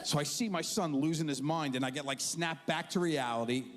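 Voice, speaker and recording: A man's voice: on the high side, fairly quick. A middle-aged man performing stand-up comedy, telling a story and acting out the voices in it. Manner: animated, acts out voices in his story.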